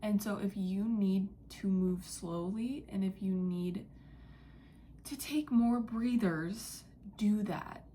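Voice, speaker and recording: A young woman giving a spiritual channeling message, talking in a halting, dreamy way with many fillers and slipping into soft whispers. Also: mid-range voice, slight background noise. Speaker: psychic channeler. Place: indoors near a window, street and birds outside.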